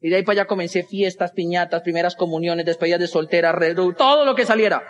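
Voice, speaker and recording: A man's voice: high-pitched, in a large hall, muffled recording. A young man with a Colombian Spanish accent, telling a stand-up story and acting out the other voices. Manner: animated, acts out dialogue with quick voice switches. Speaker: stand-up comedian.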